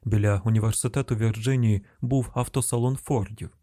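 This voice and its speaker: Brief: male audiobook narrator, steady reading, mellow tone, dry close mic. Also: on the low side, a little fast, no room sound. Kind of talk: scripted narration.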